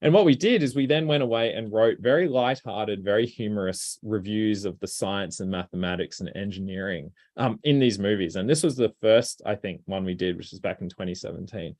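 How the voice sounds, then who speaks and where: A man giving a presentation talk as a robotics researcher, speaking in a relaxed, conversational way with frequent ums and restarts. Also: lowish voice, a little fast, hardly any pauses.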